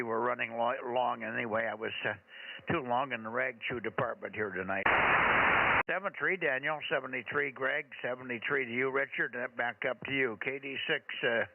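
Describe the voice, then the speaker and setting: A man running an amateur radio net over two-way radio, chatty and rambling, with hesitant pauses between call signs. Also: medium pitch, creaky, phone-quality sound. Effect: two-way radio transmission. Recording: thin crackly radio, loud static and clicks.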